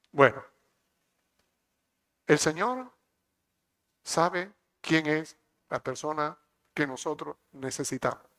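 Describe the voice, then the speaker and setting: Male rabbi, sermon delivery, emphatic, high voice. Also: very slow, long pauses, a bit bright. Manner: preaching with emphatic rising passages and acted-out dialogue.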